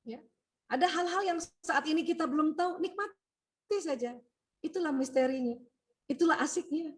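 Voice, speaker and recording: A middle-aged woman doctor giving a lively talk on emotions and family, animated and chatty, often tagging phrases with "ya" and acting out bits of dialogue. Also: high-pitched, normal speed. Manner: animated, acts out quoted dialogue, laughs often; frequent "ya" tag at phrase ends.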